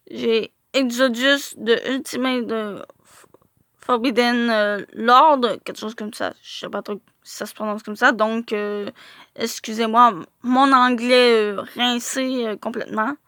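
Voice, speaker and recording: Hesitant woman vlogger, fairly high voice, unhurried, stumbling over foreign names. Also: steady tone, pushed and bright, no echo, clean studio sound. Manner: hesitant, frequent filler sounds, stumbles over English names. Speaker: card collector vlogger. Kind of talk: casual card showcase.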